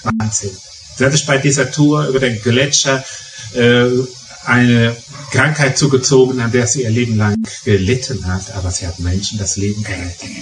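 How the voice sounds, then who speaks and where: A man's voice: medium pitch, steady tone, moderate pace. A middle-aged man from the Palatinate with a Palatinate German accent, preaching a sermon through stories with emphatic repetitions. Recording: echoey hall, distant mic, faint music.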